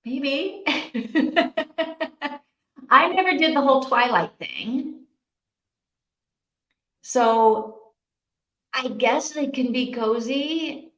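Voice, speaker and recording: On her live reading-sprint stream, the host, a woman, chats casually and responds to viewer comments by reading them aloud and answering. She speaks extremely slowly with frequent pauses, her high voice animated and a bit bright, in an echoing room.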